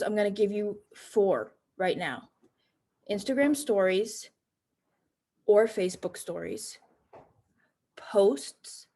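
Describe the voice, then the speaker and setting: A woman's voice: mid-range voice, dark tone. An American woman from Cape Cod presents an informal online training talk as a sales consultant, in a conversational way that checks in with her listeners. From Cape Cod, United States.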